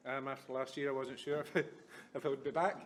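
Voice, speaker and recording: A man in his thirties from Glasgow with a Glaswegian accent, giving a quick, chatty business presentation at a conference with plenty of ums. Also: mid-range voice, steady tone, a little hiss or hum. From Scotland. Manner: quick, chatty, self-deprecating, many ums. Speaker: conference speaker. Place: hotel conference room.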